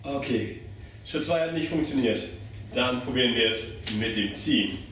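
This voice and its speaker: A young adult man works as a circus pantomime instructor, demonstrating step by step while moving around as he talks. His mid-range voice is expressive and fairly bright at a moderate pace, picked up by a camera mic far across a bare, hard-walled room that is very echoey, with a little hiss or hum.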